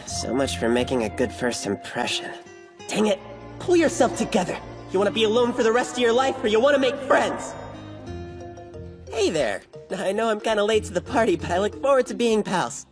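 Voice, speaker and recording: A flustered teenage schoolboy. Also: male voice, high voice, sing-song, faint music behind. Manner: flustered, quick to self-scold. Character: earnest teenage schoolboy who sees spirits. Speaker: high school student. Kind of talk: anime English dub acting. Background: background score.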